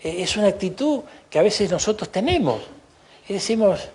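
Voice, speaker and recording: An Argentine pastor delivers an emphatic sermon, tossing in asides of praise as he goes. His voice sits a little high for a man and carries a husky edge. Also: sing-song, normal speed, a little mellow. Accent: Argentine Spanish. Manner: emphatic preaching, frequent "¿no?" and "gloria a Dios" asides.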